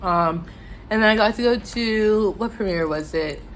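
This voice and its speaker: A woman's voice: medium pitch, moderate pace, slight background noise. An American woman telling a casual, chatty, self-deprecating story to viewers while eating, her mouth sometimes full. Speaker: mukbang vlogger telling stories.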